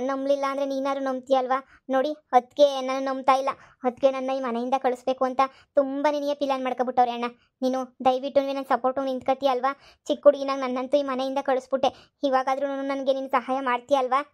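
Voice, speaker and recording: A woman's voice: high-pitched, completely flat delivery, fast, natural voice. A woman voicing a scheming young fake daughter who pleads tearfully. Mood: pleading. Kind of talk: cartoon voice acting.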